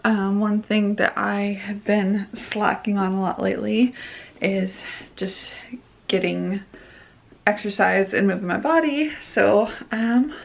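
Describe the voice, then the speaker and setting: A woman in her thirties chatting casually to a handheld camera at home, relaxed and rambling with fillers. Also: mid-range voice, takes it slowly, vocal fry, rough recording. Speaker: vlogger. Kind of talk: casual vlog chat. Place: home kitchen and living room. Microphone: handheld camera at arm's length.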